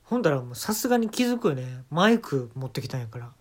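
A man's voice: fairly high pitch, big pitch swings, quick pace. A man with a Kansai accent telling a comic story as a monologue, acting out sounds and quoted lines along the way. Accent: Kansai Japanese.

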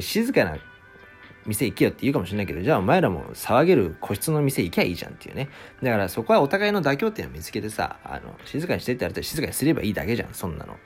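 Exasperated man ranting, lively pitch swings. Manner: exasperated ranting, acts out customers' lines. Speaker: podcast host, former restaurant part-timer. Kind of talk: casual solo monologue.

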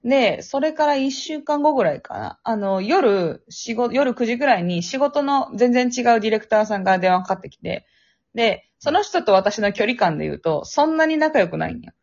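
A woman's voice: fairly high pitch, lively intonation, moderate pace, a little mellow. Young woman, kansai accent, chatty and laughing, podcast chat, dull lo-fi sound. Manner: chatty, laughs often, acts out phone voices. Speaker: podcast co-host. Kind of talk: casual chat, telling a spooky story. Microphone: app recording over phone. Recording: dull lo-fi app recording.

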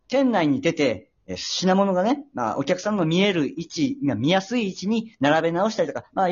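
A young man hosting a casual talk show, telling a story politely and hesitantly, with many pauses and filler sounds. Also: high voice, darkish tone, lo-fi sound. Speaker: host.

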